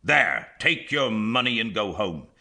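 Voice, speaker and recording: A man's voice: on the low side, sing-song, bright, forceful tone, pitched above the performer's own voice, heavily acted. A man voicing a kind but firm farm master in a storybook, speaking plainly. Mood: stern, angry. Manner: plain-spoken, firm, slow. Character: kind farm master, stern when angered. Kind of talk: storybook character reading.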